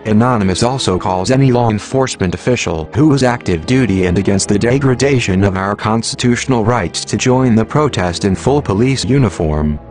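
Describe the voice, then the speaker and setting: An anonymous announcer in a disguised, low, computer-generated male voice, reading a scripted manifesto in an even, mechanical way. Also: brisk, hardly any pauses, faint music behind.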